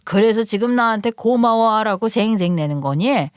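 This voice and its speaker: A woman voicing an exasperated older mother-in-law who scolds in slow, drawn-out phrases. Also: on the high side, lively intonation, clean tone, no echo, studio quality, lightly acted. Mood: indignant.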